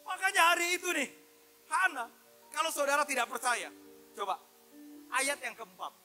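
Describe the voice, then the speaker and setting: A male pastor delivers an animated sermon in a very high, ringing voice. He speaks straight to his listeners and slips into other voices for his stories. Soft music sits behind him. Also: normal speed. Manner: animated, addresses listeners as "Pak" and "saudara"; acts out his son's and God's voices.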